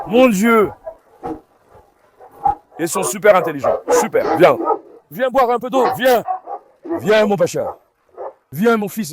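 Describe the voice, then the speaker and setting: A man talking casually in a vlog while coaxing and calming his dogs on a farm. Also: high voice, noisy background. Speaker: farm dog owner and vlogger.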